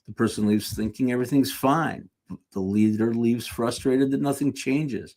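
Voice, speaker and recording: A man's voice: mid-range voice, steady tone, moderate pace, darkish tone. A man giving a conversational sermon with jokey asides, correcting himself mid-sentence as he goes. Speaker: speaker at a live church series.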